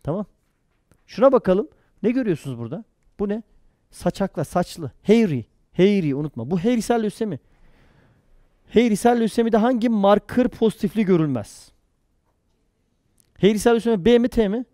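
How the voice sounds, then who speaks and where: A man's voice: sits high, animated, dark tone, no room sound, studio quality. A man teaching a pathology exam-prep lecture, firing questions at students and answering them himself, with jokey mnemonic asides. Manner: quizzing, answers own questions quickly.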